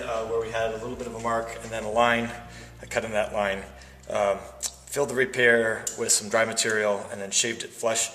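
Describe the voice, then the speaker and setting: A man demonstrating wall repair techniques step by step, explaining in a relaxed way with frequent fillers. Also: fairly low pitch. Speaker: plaster instructor. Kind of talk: instructional demonstration. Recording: roomy echo, voice from a distance, faint music.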